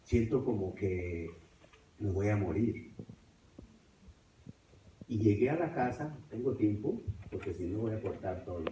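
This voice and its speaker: Male preacher, testimony sermon, low mellow voice, distant echoey church sound. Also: lively intonation, unhurried, long pauses, a little hiss or hum. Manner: storytelling, swings between loud and hushed.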